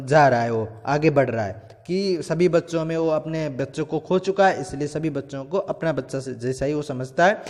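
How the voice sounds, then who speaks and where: A man teaching a class, walking through a story step by step, glossing hard words and often pausing to check in. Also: on the high side, a little mellow. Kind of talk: explaining a textbook story to students. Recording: long hall reverb.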